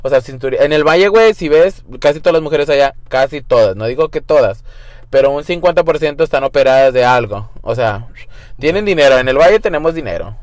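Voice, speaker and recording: Brisk and animated, a young man with a medium-pitched voice plays the guest storyteller, camping it up through a crude tale. His casual storytelling switches between English and Spanish with crude slang, and there's no room sound.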